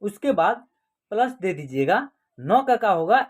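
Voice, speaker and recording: A woman's voice: mid-range voice, very animated, unhurried. A woman teaching an online class, explaining step by step and asking questions that she then answers herself.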